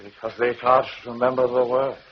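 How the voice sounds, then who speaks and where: A man doing a deadpan stage-Irish comic. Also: mid-range voice, normal speed, natural voice. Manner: deadpan, drawling comic patter. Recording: dull old radio recording with hiss.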